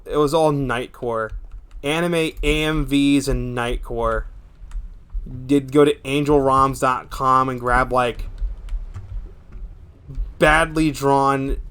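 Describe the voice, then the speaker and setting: A man's voice: medium pitch, fairly bright tone, smooth. A man streaming a video game, talking casually and in a rambling way to his viewers. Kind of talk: casual live gaming stream chat.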